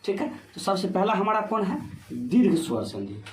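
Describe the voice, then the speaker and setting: A man's voice: high-pitched, sing-song, normal speed. A man teaching Hindi grammar for board exams, asking himself questions and filling with "ठीक है" as he explains step by step. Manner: repetitive rhetorical questions, "ठीक है" fillers. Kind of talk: board-exam grammar lesson. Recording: echoey room with faint noise.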